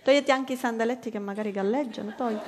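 A woman voicing an exasperated mother who shouts curt orders at her child from the beach. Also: fairly high pitch, racing, a little hiss or hum, close to an everyday voice. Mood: coaxing.

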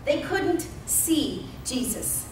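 A woman in her thirties preaches a sermon as pastor in a church sanctuary, telling the story with emphatic repetition. Her high, very animated voice comes very slowly through a distant pulpit mic, with roomy off-mic church sound and a noisy background.

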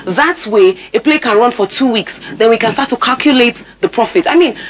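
A guest on a broadcast interview, this woman in her thirties, an actor and theatre producer with a Nigerian accent, talks in a slightly high, expressive voice at a fairly quick pace. She stresses her points by repeating words emphatically. She's on a lapel mic in an indoor TV studio, with slight background noise.

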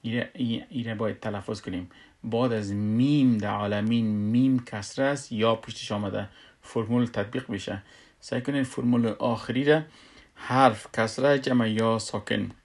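A man teaching a recitation lesson. He drills syllables one at a time and draws out recited words slowly before explaining them. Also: on the low side, steady tone. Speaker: tajweed teacher. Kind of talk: recorded lesson.

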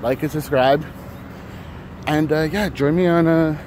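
A man's voice: fairly high pitch, measured pace, darkish tone. A man in his thirties chatting casually while walking, a bit out of breath, rambling with many fillers and restarts. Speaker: vlogger. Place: city street outdoors in early morning. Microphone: phone held at arm's length. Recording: phone audio with street noise. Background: traffic and city noise.

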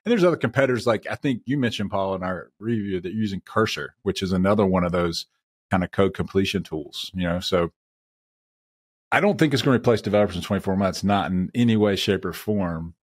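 Male tech podcast co-host, deep and husky, dry mic, casual and analytical. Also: fairly quick, no echo. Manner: joking, analytical.

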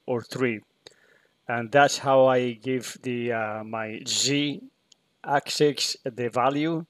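Slow, hesitant man walking through code. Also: medium pitch, dry recording. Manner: hesitant, many fillers and restarts. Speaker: PLC programmer demonstrating code. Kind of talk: screen-recorded tutorial walkthrough.

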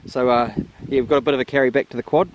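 A man's voice: medium pitch, fairly even intonation, rapid-fire, muffled recording. A man with a broad New Zealand accent chatting casually as a hunting guide in an outdoor vlog, with laid-back slang. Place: open farm hillside outdoors at night. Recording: windy outdoor action-camera audio, heavy noise.

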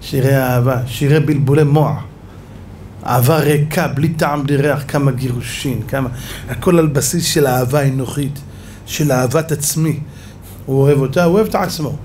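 Animated rabbi preaching a sermon. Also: male voice, mid-range voice, slight background noise. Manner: animated, rhetorical, repeats words for emphasis. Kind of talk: sermon with storytelling.

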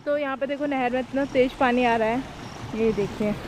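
A young woman with a high voice strolls outdoors through farm fields and talks casually to her viewers, showing them crops. She is recorded on a phone camera as she walks, with faint outdoor noise in the background. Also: moderate pace, a little mellow. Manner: chatty, shows things to viewers. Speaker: vlogger. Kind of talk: casual farm vlog narration.

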